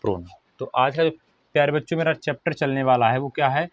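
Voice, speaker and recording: Giving a grammar lesson to children, a man with a medium-pitched voice poses questions and then answers them himself. He slows down sharply whenever he dictates a definition. The recording is dry and the audio dull.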